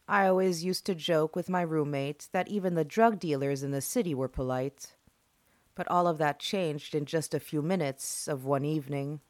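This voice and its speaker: Low-voiced woman, theatrical horror host. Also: a little mellow, no echo. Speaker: host and narrator of horror stories. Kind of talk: horror host scripted narration.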